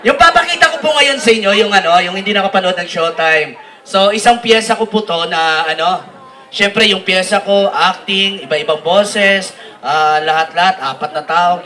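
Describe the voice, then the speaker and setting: A man doing animated live comic storytelling on stage, often laughing at his own jokes. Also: high-pitched, recorded from a distance. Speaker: comedian performing on stage. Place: live outdoor city event stage.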